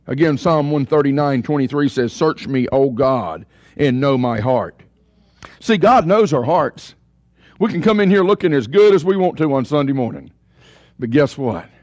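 A man's voice: mid-range voice, a little mellow, dry recording, studio quality. A man preaching a sermon in church, repeating phrases and rising and falling for emphasis. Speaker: pastor.

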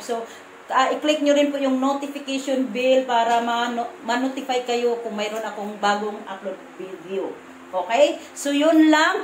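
High-voiced Visayan woman vlogging, echoey room. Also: a little hiss or hum. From Visayas, Philippines. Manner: firm, blunt tone with halting restarts. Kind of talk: casual vlog to camera. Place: room at home.

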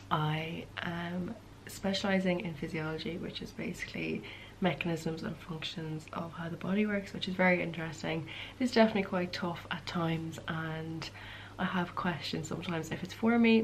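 A woman's voice: on the low side, steady tone, normal speed, a little hiss or hum, low-quality recording. A woman in her early twenties with a west of Ireland accent, chatting casually to camera as a content creator answering questions. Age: early 20s. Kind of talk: casual chat to camera, Q and A vlog.

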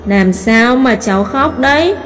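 A woman voicing a kind, caring bear uncle in a storybook tale, speaking slowly and gently. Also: a little high, animated. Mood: soothing. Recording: long hall reverb, soft music behind.

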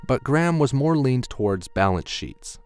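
A man giving measured, scripted documentary narration. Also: mid-range voice, sing-song, a little mellow. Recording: narration over clear background music.

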